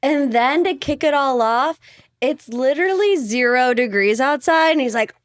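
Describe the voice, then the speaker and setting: An American woman co-hosts a casual podcast, teasing her partner and quick to laugh. Her voice sits slightly high as she jumps in with her own side of the story. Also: animated. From United States. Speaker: podcast co-host. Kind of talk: casual chat.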